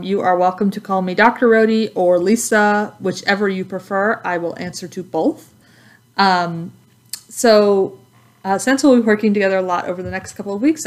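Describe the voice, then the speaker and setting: A Texan woman with a mid-range voice and a Texas accent gives a recorded welcome introduction as an instructor. She's friendly and measured, with many ums.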